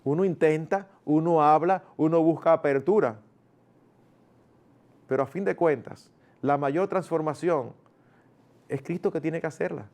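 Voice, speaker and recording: A male pastor delivers a sermon. His voice sits high, and he talks to the congregation in a lively, conversational way, stepping into everyday family dialogues in a raised voice. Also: unhurried, long pauses.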